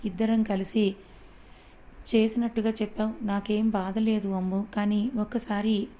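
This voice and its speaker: A woman voicing a loyal young man in a read-aloud audio story, questioning his friend in a measured way. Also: mid-range voice, level tone, mellow, natural voice, poor audio. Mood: reproachful.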